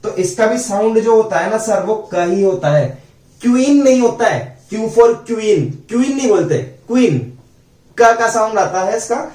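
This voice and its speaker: A man teaching phonics, slowly drilling letter sounds and quizzing his students. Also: high voice, lively intonation, a little mellow. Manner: slow, repeats sounds and asks students questions. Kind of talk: phonics lesson. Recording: echoey room, voice from a distance.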